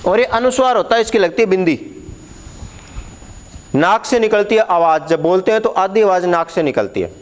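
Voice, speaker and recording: High-voiced man teaching Hindi letters. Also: expressive, normal speed, pauses often. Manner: explains patiently, repeats key words, asks the class questions. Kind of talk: classroom lesson at a board.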